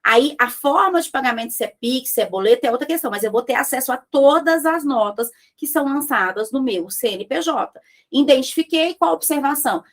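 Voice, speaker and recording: A woman's voice: high voice, brisk. A woman, teaching a business lesson as a mentor and speaking straight to her audience. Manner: lively, talks to the audience directly, acts out dialogues.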